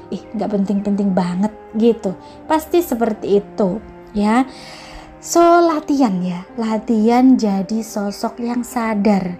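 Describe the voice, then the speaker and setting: A woman giving a casual motivational talk, speaking gently and directly to the listener and mixing English phrases into her speech. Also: on the high side. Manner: mixes English phrases into Indonesian. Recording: soft background music.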